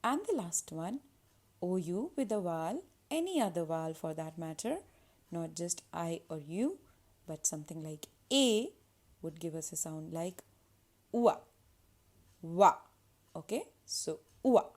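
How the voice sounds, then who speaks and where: Woman, French pronunciation teacher, mellow, lively rises and falls in pitch, repeats each word twice. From India. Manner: repeats each French word twice, slowly and with stress, then gives the meaning. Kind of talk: pronunciation lesson.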